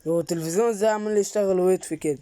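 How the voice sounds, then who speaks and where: A woman's voice: mid-range voice, rapid-fire, mellow, no echo, soft background music. A woman with an Egyptian Arabic accent improvising a casual game role-play, exclaiming, asking questions and repeating her phrases. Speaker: gamer making a role-play film in Roblox.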